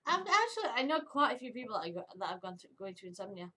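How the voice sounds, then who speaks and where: A woman's voice: a little high, sing-song, very fast, pushed and bright. A woman chatting casually to camera for her vlog, giggly and upbeat. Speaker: vlogger.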